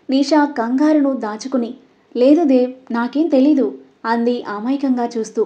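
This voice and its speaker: Woman reading an audio story, warm mellow voice a bit on the high side, dull lo-fi sound. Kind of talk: scripted audio story narration.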